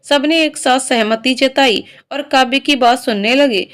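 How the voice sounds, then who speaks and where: A woman narrating a long family story in a steady, clear reading voice. Her pitch sits slightly high for a woman. She moves the story along evenly. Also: a little slow.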